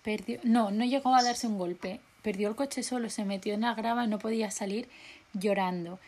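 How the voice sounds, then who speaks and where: A young woman, co-hosting a podcast in casual, excitable chat and laughing often. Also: mid-range voice, moderate pace. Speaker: podcast co-host.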